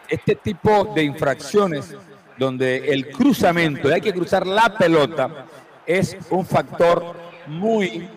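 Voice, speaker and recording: Measured football analyst, slightly high voice. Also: male voice. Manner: measured, explanatory, lays out tactics slowly. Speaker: co-commentator and analyst.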